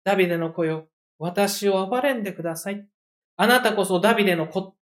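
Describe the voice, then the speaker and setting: A blind beggar man calls out again and again for mercy, his pleas raised and insistent, voiced by a preacher in the middle of a sermon. The voice sits slightly above the preacher's usual middle register and rings out louder. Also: medium pitch, quick pace, close to an everyday voice. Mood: humble pleading. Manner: pleading, raised insistent cries.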